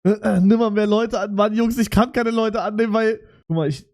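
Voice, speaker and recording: A young man with a fairly high voice streams live and reacts to his messages. His chatter is loud, excitable and full of slang, as he talks straight to his viewers. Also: fairly quick. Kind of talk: casual livestream reaction.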